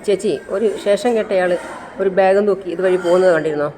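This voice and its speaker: Woman reading as a calm young man. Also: medium pitch, fast, slight background noise, lightly acted, low-quality recording.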